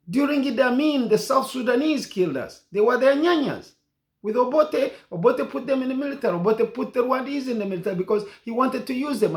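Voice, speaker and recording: A man's voice: very high-pitched, creaky, echoey room. A man from Uganda giving an impassioned political monologue as a commentator, repeating and hammering his points.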